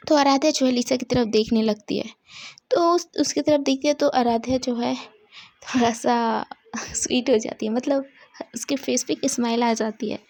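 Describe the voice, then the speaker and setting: A woman's voice: on the high side, a little mellow. A woman telling a story casually, rambling with frequent fillers and self-corrections.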